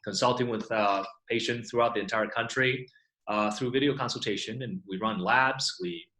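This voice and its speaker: A man's voice: medium pitch, normal speed, sharp tone, roomy sound, low-quality recording. A middle-aged man from Taiwan, a chiropractor, explaining his work in a casual online Q&A and filling his talk with "you know". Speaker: guest chiropractor. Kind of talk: online Q&A interview.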